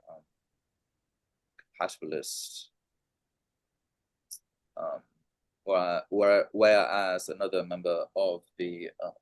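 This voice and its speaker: Halting, low-voiced man talking philosophy. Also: no room sound. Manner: hesitant, many ums and restarts. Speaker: podcast co-host. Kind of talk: casual philosophical discussion.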